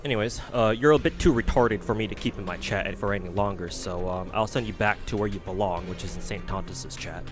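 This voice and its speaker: On the low side and fairly quick, this man's voice barely pauses as he streams a game and chats loosely. His talk is profane, meandering and full of "like," with game music behind it.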